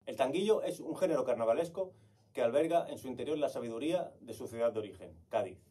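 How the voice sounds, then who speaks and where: A man teaches flamenco clapping patterns at a brisk clip and counts beats out loud. His voice has a slightly husky edge. He sounds set back from the microphone. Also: medium pitch, animated, recorded from a distance. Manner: explanatory, counts beats aloud. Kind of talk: online music lesson.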